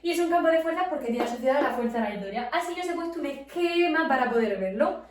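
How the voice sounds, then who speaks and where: A woman's voice: high-pitched, lively intonation, fast. A woman tutoring physics to students, explaining step by step and often checking in with questions. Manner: asks and answers her own questions, frequent "¿vale?" checks. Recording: very echoey room, distant from the mic.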